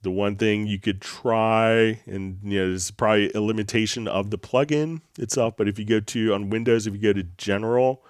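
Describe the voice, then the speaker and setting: Man, low magnetic deep voice, smooth and resonant, slight cold, casual tutorial host, halting delivery. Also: steady tone, no room sound, studio quality. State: getting over a slight cold. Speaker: livestream host answering software questions. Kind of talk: casual tutorial livestream talk. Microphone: close microphone straight into mixer.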